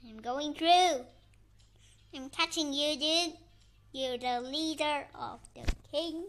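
A woman with giving excited gameplay commentary, chanting and cheering as she plays. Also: sits high, slow pace. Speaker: gameplay streamer.

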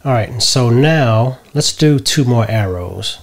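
Man talking through a software tutorial. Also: mid-range voice, unhurried. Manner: relaxed step-by-step explaining, tags lines with "right?". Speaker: tutorial host. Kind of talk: screen-share software tutorial. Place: home office, indoors.

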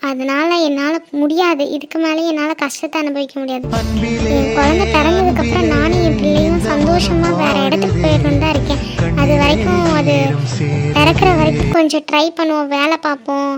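A woman's voice: high-pitched, flat delivery, fairly quick, over loud music, lightly acted. A woman voicing a young pregnant woman in a cartoon drama, talking in an earnest, hurt way about being abandoned. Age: young adult. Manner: earnest, hurt, steadily explaining.

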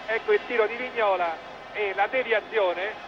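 A man's voice: high-pitched, moderate pace, muffled recording, background noise. An Italian man giving live football match commentary in clipped phrases, rising with the play, on an old television broadcast.

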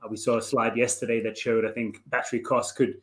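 A man interviewing an industry expert, asking measured, reflective questions with some hesitant restarts. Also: medium pitch, flat delivery.

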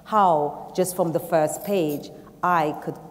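A low-voiced woman from Guyana speaks before a festival audience, hesitating, restarting, and saying um often as she reflects and reads aloud on a panel. Every phrase lingers in the long reverb of the big hall.

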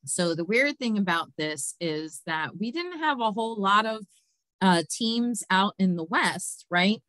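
A woman's voice: mid-range voice, lively intonation, a little slow, a bit bright, dry recording. A woman hosts an online show and walks through the competition results in a loose, chatty way. She uses plenty of fillers and laughs often. The sound is dry and close, with almost no room around it. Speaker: host. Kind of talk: casual presentation of competition results.

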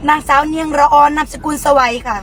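A woman's voice: sits high, a little fast, a bit bright, slight background noise. A woman voicing a naive, chatty rural woman with a Khmer accent, repeating herself and playing confused on a prank phone conversation. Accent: Khmer-accented Thai. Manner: repetitive, rambling, playing confused.

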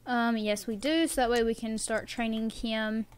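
A woman's voice: a little high, steady tone, normal speed, clean tone. A young woman with a Southern American accent giving casual let's-play commentary, chatting to the game characters as she plays. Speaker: gameplay commentator.

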